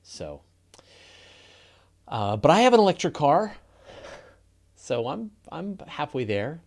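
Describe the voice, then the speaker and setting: A man's voice: a little high, big pitch swings, slow, darkish tone. A Canadian man hosting a live podcast in casual, rambling chat, often laughing. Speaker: podcast host.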